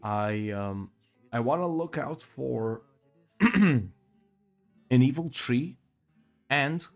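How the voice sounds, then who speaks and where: A man's voice: mid-range voice, expressive, drawn-out words, soft background music. A man playing a tabletop game, chatting casually and politely asking what words mean. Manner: polite, asks about word meanings. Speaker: player.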